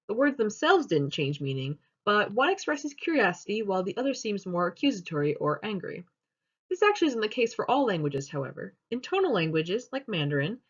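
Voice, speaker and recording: A young woman giving a class presentation, explaining step by step in a steady teaching manner. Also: medium pitch. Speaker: student presenter. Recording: dull lo-fi recording.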